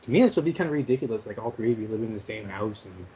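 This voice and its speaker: Fast-talking young man, lo-fi podcast. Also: lowish voice, expressive, mellow. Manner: fast, halting, many restarts and fillers. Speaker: podcast co-host. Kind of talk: casual chat. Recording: dull lo-fi podcast audio with faint noise.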